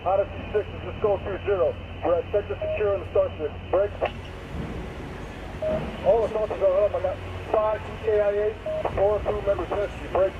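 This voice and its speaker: A man's voice: high voice, fairly even intonation, moderate pace, long pauses. A man giving a clipped military situation report in procedural phrases over a crackly military radio. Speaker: assault team radio operator. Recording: muffled band-limited radio, loud aircraft noise.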